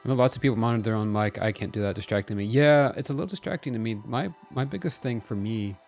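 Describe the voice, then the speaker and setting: A man's voice: mid-range voice, fast. A man chatting casually with viewers during a live game stream, self-deprecating and talking straight to chat. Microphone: headphones with desk mic. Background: soft background music.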